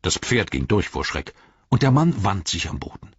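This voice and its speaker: Young hobbit storyteller read by a man, low and animated, husky. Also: moderate pace, no echo, muffled recording, heavily acted. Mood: storytelling. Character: young male hobbit telling his story.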